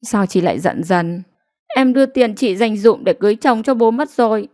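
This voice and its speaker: A woman voicing a beaten, despairing young village woman whose speech turns high and pleading. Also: animated, moderate pace, a little mellow, close to an everyday voice. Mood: resigned. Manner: pleading and broken, high-pitched cries.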